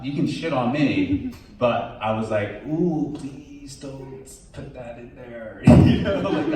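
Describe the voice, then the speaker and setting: A documentary subject fields questions at a film premiere Q&A, speaking candidly and casually and frequently quoting his own thoughts. His voice sits fairly low with a darkish tone, picked up from far off in an echoey hall.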